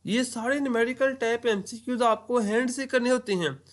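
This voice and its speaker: A man's voice: very high voice, brisk, a bit bright. A man from Pakistan giving an explanatory lecture on entry tests, walking through worked examples step by step. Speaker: entry test teacher.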